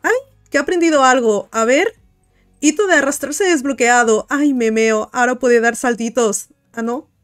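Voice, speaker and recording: A woman's voice: high-pitched, normal speed. A woman giving casual gameplay commentary, cooing and chatting to the game characters. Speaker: gaming video host. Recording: light music behind.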